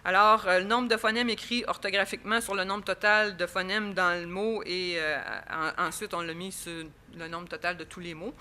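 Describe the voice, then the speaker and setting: A woman's voice: medium pitch, steady tone, moderate pace, few pauses, sharp tone. A woman with a Quebec French accent presenting research at an academic conference, explaining step by step with frequent fillers and restarts.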